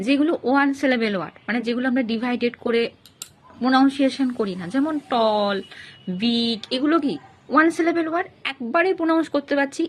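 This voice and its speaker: A woman's voice: sits high, quick pace. A woman with a Bengali accent teaching an English grammar lesson, mixing English terms into her talk and repeating key points for students.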